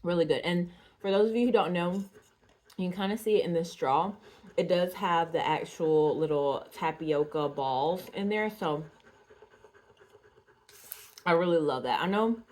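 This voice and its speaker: A woman from Georgia talks casually to her viewers, filling pauses with ums and soft laughs. Her voice sits a little low for a woman. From Georgia, USA. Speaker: doll artist vlogger. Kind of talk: casual chat to camera.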